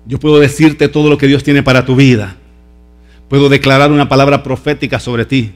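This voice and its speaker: A man preaching a sermon as pastor, emphatic and lively, acting out voices from the story. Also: medium pitch, fairly quick, faint music behind.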